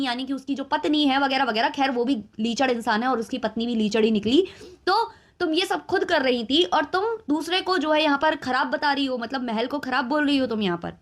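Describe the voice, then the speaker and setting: A woman hosting a commentary channel, talking in a scolding, sarcastic way with many rhetorical questions. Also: high voice. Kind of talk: opinionated reaction commentary.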